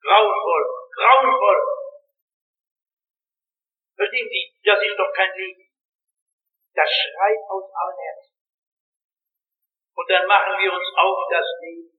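A man with a Swabian accent preaching an impassioned sermon, acting out the people he quotes and rising to shouts. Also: high voice, slow pace, long pauses. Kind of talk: evangelistic sermon. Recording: tinny lo-fi old recording in a roomy hall.

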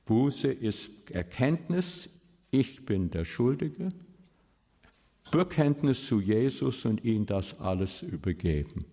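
A man's voice: mid-range voice, very animated, slow pace, warm tone, big-room sound. A man preaching a sermon to his congregation. He speaks emphatically, and his voice rises sharply whenever he stresses a point.

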